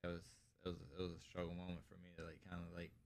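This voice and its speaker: A man with a deep, gravelly voice talks through a casual podcast chat. He rambles, leans on fillers, and sounds tired. His delivery stays low and flat. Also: fast talker. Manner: rambling, heavy use of filler "like". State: tired, yawning. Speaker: podcast co-host.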